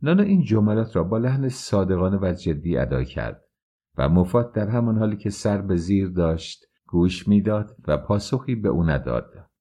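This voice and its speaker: A man reading a novel aloud as an audiobook narrator, in a steady, measured manner. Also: low voice, slightly rough. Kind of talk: scripted narration.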